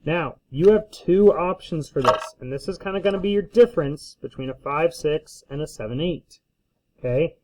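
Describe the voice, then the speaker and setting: A man's voice: fairly high pitch, expressive, normal speed, noisy background. A man teaching in a casual instructional screencast, often checking in with a short questioning tag. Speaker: school teacher. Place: indoors at a desk, recording a screencast. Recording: slightly dull lo-fi screencast audio.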